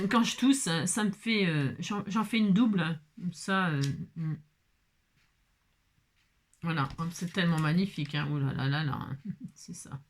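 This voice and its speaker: A woman's voice: on the low side, slow pace, long pauses. Playful French-speaking crafter woman chatting. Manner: playful, self-mocking, hums and sings to herself. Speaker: card-making crafter. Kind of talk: casual craft tutorial chat.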